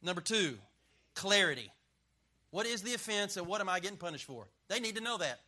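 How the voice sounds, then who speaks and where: With lively intonation and a slightly quick pace, a middle-aged man preaches as a pastor in full flow, his high, cutting voice pushed and bright at the top. He pounds each point home, swaps jokes with listeners, and leans on call-and-response.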